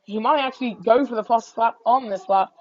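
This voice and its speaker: A high-voiced woman works as a motorsport commentator, calling a race live. Her delivery follows the action and lifts with it. The sound is dull and slightly lo-fi. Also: fast, dry recording. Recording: dull lo-fi microphone.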